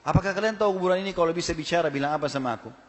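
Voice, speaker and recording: A man's voice: a little high, racing, long reverb tail, natural voice. A man playing a pious male ruler who earnestly questions a crowd of mourners.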